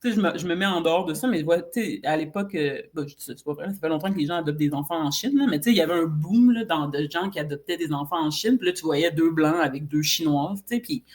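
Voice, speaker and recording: A woman's voice: low voice, fast talker, hardly any pauses. A young woman with a Québécois French accent, chatting as a podcast guest and telling stories with acted-out voices and English words mixed in. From Quebec. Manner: animated storytelling, acts out quoted voices, drops English words. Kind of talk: casual chat.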